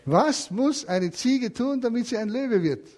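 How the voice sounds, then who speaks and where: A man's voice: very high voice, expressive, unhurried, darkish tone. A man preaching a sermon, telling a parable and asking his listeners questions. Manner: storytelling, asks the listeners questions.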